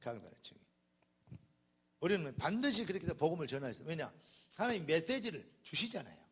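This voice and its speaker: In a husky voice that sits on the high side, a man preaches as pastor in Jeolla dialect, fairly quick and with wide pitch swings. He moves between booming, emphatic declarations and hushed, conversational asides.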